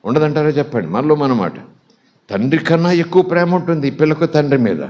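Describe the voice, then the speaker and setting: A man's voice: fairly high pitch, lively intonation, quick pace, a little mellow, muffled recording. Dramatic male Telugu preacher. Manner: dramatic storytelling, acts out quotes, exclamations of praise. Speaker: pastor. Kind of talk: sermon.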